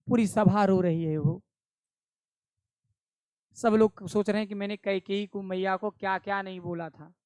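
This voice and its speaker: Male Hindi teacher, slow and emphatic, smooth clear voice, dry close sound. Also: sits high, darkish tone, dry recording. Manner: slow, emphatic explaining with rhetorical questions. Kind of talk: classroom poetry explanation.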